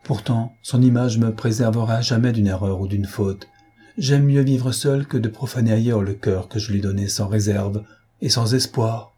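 A man voicing an earnest, lovestruck young lieutenant in an audiobook, with a husky voice. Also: fairly low pitch, fairly even intonation, normal speed, dark tone. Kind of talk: audiobook character reading.

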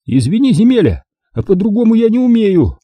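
A swaggering, sneering detective sidekick, as a male reader puts him on in a lively, husky, dark-toned voice pitched well above the reader's own. His threats swing up and down with mocking bravado, recorded close and dry like a studio audiobook. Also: brisk, no echo. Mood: menacing. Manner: mocking, menacing bluster.

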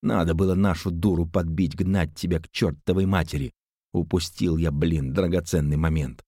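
A man's voice: sits low, steady tone, normal speed, warm tone, no echo, studio quality. A man voicing a blustering middle-aged male swindler who talks theatrically and throws accusations. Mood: snarling.

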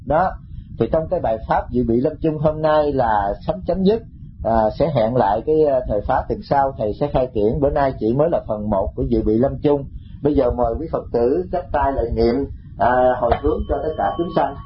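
A man's voice: medium pitch, brisk, muffled recording, a little hiss or hum. A male Buddhist monk giving a dharma talk, telling stories and addressing the listeners directly. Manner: storytelling, addresses the audience directly.

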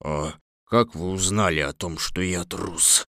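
A huge cowardly lion, as a man acts him out, rumbling in a very low, dark voice. He sounds bashful and sorry for himself, in the manner of a storybook reading. The recording is close and dry. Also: measured pace, no room sound, heavily acted. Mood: sheepish. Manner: bashful, self-pitying storybook acting. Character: huge cowardly male lion, timid and tearful. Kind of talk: dramatized audiobook reading.

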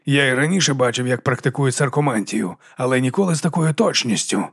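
A man's voice: mid-range voice, slightly rough, no room sound, clean studio sound. A man voicing a pompous, boastful magician who savors his own words. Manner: pompous, drawn-out.

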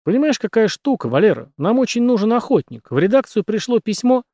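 A hot-tempered male film director, quick to shout and shriek, as a narrator puts him on. He is pitched high above a plain voice and swings widely in tone. Close and dry recording. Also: very animated, dry recording, heavily acted. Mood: excited. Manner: shouting, snapping.

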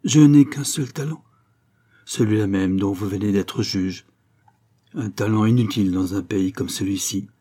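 An odd little old sharpshooter, frail and strange, drifting from dreamy murmurs into feverish excitement, as a storybook reader puts him on. The voice sits low, dark and husky, close to the reader's own. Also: male voice. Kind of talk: audiobook character voice.

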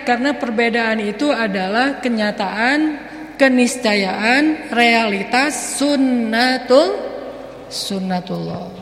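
A man preaching a sermon in a relaxed, joking way, acting out little everyday scenes. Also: very high voice. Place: mosque hall. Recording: echoey mosque hall.

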